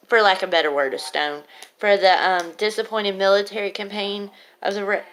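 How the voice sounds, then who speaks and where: A woman speaks at a slow pace in a mid-range voice, her articulation slightly off from a swollen lip. She gives an informal academic presentation as a student, hesitant and halting, with long pauses between phrases. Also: mid-range voice, a bit bright. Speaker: college student giving a class presentation.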